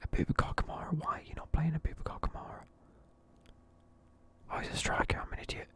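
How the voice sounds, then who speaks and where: Whispering sleepily from start to finish, a young video creator reviews football teams in a casual clip, swearing offhandedly. The pace is quick and the tone bright and forceful.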